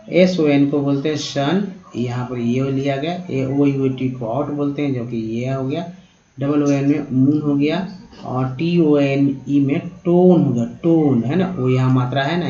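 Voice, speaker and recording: A man's voice: medium pitch, mellow. A man teaching English pronunciation to beginners, patiently explaining step by step and addressing listeners as friends. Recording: roomy, dull lo-fi sound.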